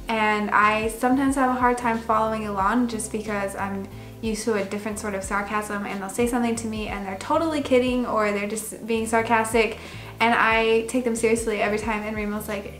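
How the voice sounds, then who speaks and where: A woman's voice: medium pitch, a bit bright. A young American woman hosting a vlog, chatting casually and rambling a little with plenty of fillers. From United States. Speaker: vlog host. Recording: roomy echo, faint music.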